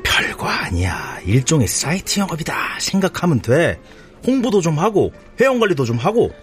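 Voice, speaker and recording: A chummy, coaxing young recruiter. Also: male voice, on the high side, very animated, moderate pace, soft background music. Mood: persuasive. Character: smooth-talking young recruiter, friendly older-brother act. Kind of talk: TV drama acting.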